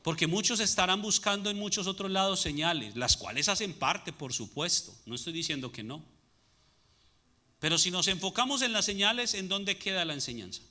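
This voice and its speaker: A man's voice: sits high, animated, normal speed, sharp tone. A man preaching a sermon as pastor, asking the congregation rhetorical questions and answering them. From Latin America.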